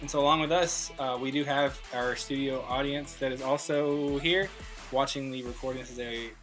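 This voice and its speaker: Young man, podcast host, bright tone, faint music behind, rambling casual chat. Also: medium pitch, fairly even intonation, normal speed, rough recording. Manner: rambling storyteller, many fillers. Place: room, recording with cohosts.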